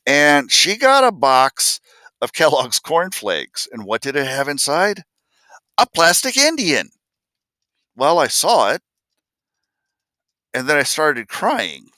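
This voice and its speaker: A man's voice: a little high, wildly swooping pitch, takes it slowly, long pauses, bright, forceful tone, no room sound, studio quality. An older man from Ohio telling a family story as a vlogger, folksy and blunt, and acting out the voices of the people in it. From Columbus, Ohio, USA. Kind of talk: personal storytelling.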